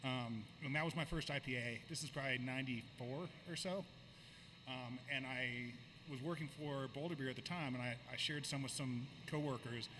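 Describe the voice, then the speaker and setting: A man hosting a brewery podcast, telling stories in relaxed casual chat with lots of fillers. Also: medium pitch, moderate pace. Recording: noisy room ambience.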